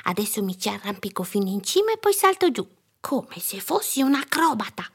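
A woman voicing a cheerful, playful little girl in a storybook reading, with a high, excitable manner. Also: fairly quick, husky.

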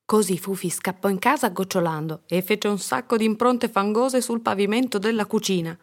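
Reading a children's story aloud, a woman uses an expressive storytelling style. Her voice sits at a medium pitch and she keeps a moderate pace.

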